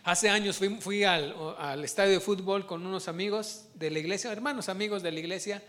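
Male preacher, high pitched, animated, questioning the congregation. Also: a little fast. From Mexico. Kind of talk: sermon.

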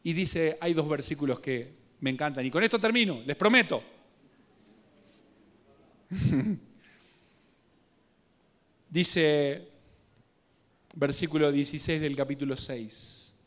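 A male preacher with a Guatemalan Spanish accent delivers a sermon in a somewhat high voice. He tells the story with local slang and humor. He drops to a quiet, slow reading, then rises to louder, quicker bursts.

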